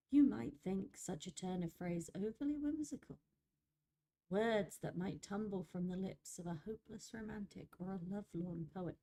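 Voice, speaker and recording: Woman reading as a dreamy forest spirit. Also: fairly low pitch. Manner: slow, soft, lingering storybook narration. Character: dreamy, poetic nature spirit of a moonlit forest glade. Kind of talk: reading a fantasy story aloud on stream.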